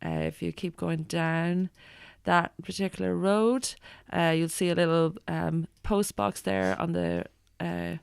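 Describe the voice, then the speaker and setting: An Irish woman talks in a clear voice with a creaky edge, in a dry recording. She chats casually as a guest, hesitating and meandering as she goes. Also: fairly low pitch, a little slow, few pauses, no room sound. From Ireland. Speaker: guest, stand-up comedian. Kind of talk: casual chat.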